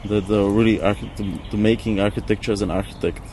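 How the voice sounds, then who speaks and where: A former architect, appearing as an interview guest, speaks in a low voice with fairly even intonation in a casual, reflective discussion. English isn't his first language, so he halts, searches for words, and repeats himself. The outdoor recording is noisy, with birds and traffic in the background.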